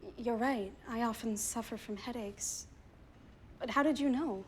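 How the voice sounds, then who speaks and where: An actress playing a gentle young woman in her twenties with lost memory, in a period TV drama. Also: on the high side, normal speed, a little hiss or hum, close to an everyday voice. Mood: uncertain. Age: 20s.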